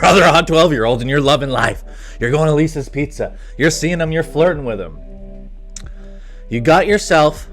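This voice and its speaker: A man telling a crude, rambling comic story with excitable energy and lots of asides. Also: fairly high pitch. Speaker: comedy vlogger.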